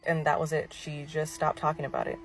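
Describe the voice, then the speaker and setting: Brief: deep-voiced woman, casual storytelling mom, candid and incredulous, soft music under her. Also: flat delivery, brisk, recorded from a distance. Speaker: mother telling a story.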